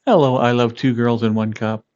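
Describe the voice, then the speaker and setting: A man streaming live and chatting casually with viewers, laughing often and greeting them by name in a relaxed, meandering way. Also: mid-range voice. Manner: relaxed, meandering, with fillers and pauses. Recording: dull lo-fi stream audio.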